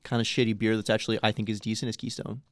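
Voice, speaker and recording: A man's voice: fairly low pitch, flat delivery, racing, no room sound, clean studio sound. A young man chatting casually and rambling in a laid-back way, swearing now and then. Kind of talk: casual chat.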